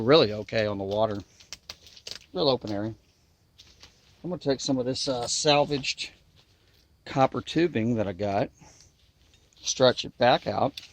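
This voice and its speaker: A man with a gravelly, creaky voice and a Southern American accent, talking casually to his camera outdoors. His speech has a nasal twang and a folksy drawl. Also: medium pitch, slight background noise. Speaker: outdoor video maker. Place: outdoors in river bottoms.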